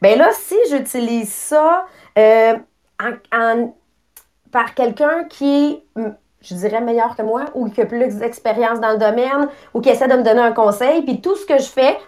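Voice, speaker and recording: A woman with a slightly high voice, talking through her points on a podcast. She explains at length, pauses on fillers, and makes light of herself. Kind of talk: casual podcast chat.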